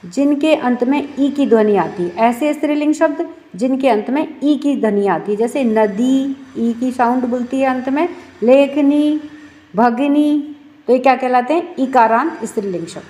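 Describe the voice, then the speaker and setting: A woman teaching a class, explaining slowly and reciting word forms one by one, asking questions and answering them herself. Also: sits high, dark tone. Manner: patient, asks and answers own questions.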